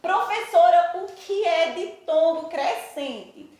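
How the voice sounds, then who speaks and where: A woman's voice: extremely high pitch, expressive, slow, darkish tone, heavily acted. A woman voicing a curious young pupil who eagerly asks the teacher questions. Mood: questioning. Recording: very echoey room.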